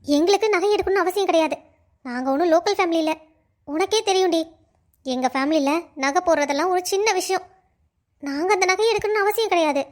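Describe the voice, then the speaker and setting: A woman's voice: extremely high pitch, brisk. A woman voicing a sly young friend in a cartoon who questions and hints at suspects. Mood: reasoning. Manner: questioning, insinuating. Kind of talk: cartoon voice acting.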